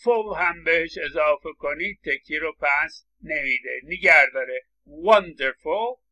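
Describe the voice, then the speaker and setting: A middle-aged university lecturer, a man, explaining patiently and stressing words as he repeats examples, with English words. His voice is gravelly yet bright and sits a little high for a man. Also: low-quality recording. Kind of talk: recorded lecture.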